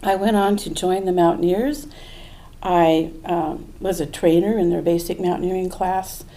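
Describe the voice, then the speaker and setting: A woman's voice: on the low side, dark tone, rough recording. An older woman telling a true story at a live event, in an earnest, reflective way. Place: small museum event room.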